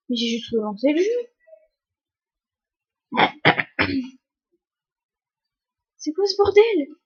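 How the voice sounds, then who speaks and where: A woman's voice: sits high, breathy edge, lo-fi sound. A young woman with a sore, coughing throat, chatting casually to viewers at home as she plays a game, often stammering and repeating words. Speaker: gaming video creator. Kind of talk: casual gameplay commentary.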